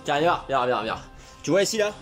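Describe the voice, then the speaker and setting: A man doing a crude comic sketch monologue, with mock-serious asides and sudden shouts. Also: on the high side, sing-song, brisk, soft background music. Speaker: comedian parodying a survival show.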